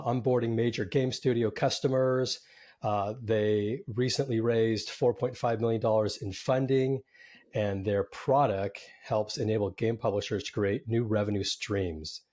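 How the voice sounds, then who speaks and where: On a startup podcast, a male host interviews a founder, opening with an upbeat scripted intro before easing into conversation. His voice is medium in pitch with a darkish tone.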